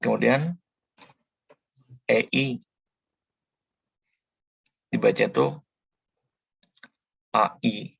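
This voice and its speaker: A man teaches in a slow, unhurried tutorial voice, low and gravelly with a husky edge. He delivers it flatly and keeps repeating each sound with patience. The recording is dry and a little dull. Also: no echo. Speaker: language teacher.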